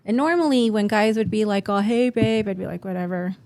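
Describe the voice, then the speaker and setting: A woman's voice: medium pitch, fairly quick. Chatty woman telling a story as a guest. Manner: chatty, animated storyteller who acts out quotes. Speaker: podcast guest. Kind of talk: casual storytelling chat.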